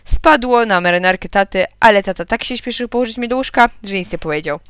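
A woman reading a children's audiobook aloud, telling the story as a young boy, in a lively storytelling manner. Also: medium pitch, fast, clear, resonant tone, dry recording. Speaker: audiobook reader.

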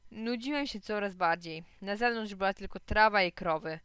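A woman narrating a children's storybook with a lively, playful touch. Her voice is smooth and clear at a middle pitch. The recording is close and dry. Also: normal speed, no room sound. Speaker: audiobook narrator.

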